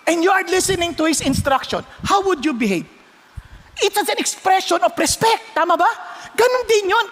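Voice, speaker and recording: A high-pitched Filipino man preaching a sermon with big, lively swings in pitch. He switches freely between Tagalog and English and breaks into sudden loud exclamations, and his voice rings through the long reverb of a church hall. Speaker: pastor.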